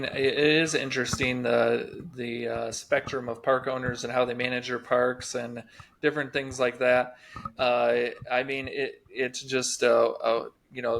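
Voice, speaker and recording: A man hosting a podcast, talking casually with many pauses and fillers. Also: medium pitch, gravelly, a bit bright, a little hiss or hum. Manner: hesitant, many ums and uhs. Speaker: podcast host. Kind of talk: casual interview chat.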